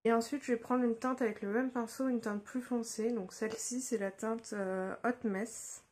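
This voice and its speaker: A woman's voice: on the high side, normal speed. Young woman chatting through a makeup tutorial. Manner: relaxed, hesitant with frequent fillers. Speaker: beauty vlogger. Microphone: phone camera.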